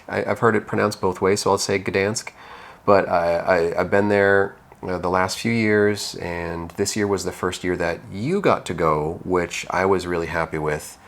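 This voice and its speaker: Man, very deep voice, casual podcast chat, rambling, restarts often. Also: vocal fry. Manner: relaxed, rambling with repeated restarts. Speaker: podcast co-host, piercing educator.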